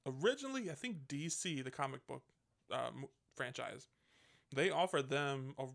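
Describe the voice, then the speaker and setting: A man with a gravelly, fry-heavy voice talks through a movie plot like he's chatting with a friend. He rambles, backtracks and swears casually. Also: mid-range voice, lively intonation, normal speed, a bit bright. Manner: rambling, swears freely, self-correcting. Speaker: podcast host. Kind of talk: casual movie review chat.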